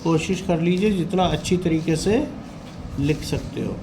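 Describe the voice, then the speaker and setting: A man teaching in a classroom, calmly coaxing students during a test and calling them by name. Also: a little high, measured pace, noisy background.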